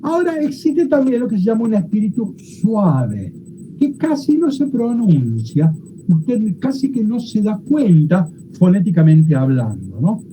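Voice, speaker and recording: A Bible teacher gives a classroom lecture. The teacher explains step by step and often checks understanding with quick questions. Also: mid-range voice, big pitch swings, noisy background.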